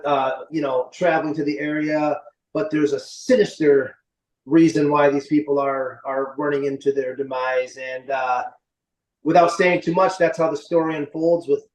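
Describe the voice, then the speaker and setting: A roomy, slightly distant recording of a man in his late forties. He chats informally and rambles a little, his voice a touch high, like an indie director being interviewed. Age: late 40s. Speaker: interview guest, indie film writer and director. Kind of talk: casual interview chat.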